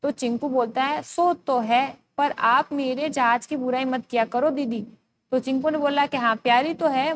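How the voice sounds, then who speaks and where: A woman's voice: high-pitched, slight background noise. A young woman teacher with an Indian accent, reading a school story aloud and explaining each hard word to young children. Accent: Indian Hindi.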